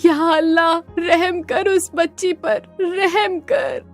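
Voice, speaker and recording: Woman doing a cranky old granny, low and slow, scolds then sobs, storybook cartoon. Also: soft background music, full character voice. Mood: distraught. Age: older. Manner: scolding, then weeping and pleading. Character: old widowed grandmother, stubborn, devoted to her goats.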